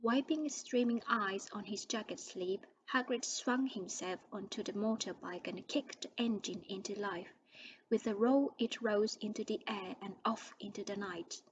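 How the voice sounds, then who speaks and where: A woman reading a storybook aloud, her voice soft and often dropping to a whisper. She stumbles now and then and restarts a word. A faint hiss runs under the recording. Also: mid-range voice, moderate pace, low-quality recording.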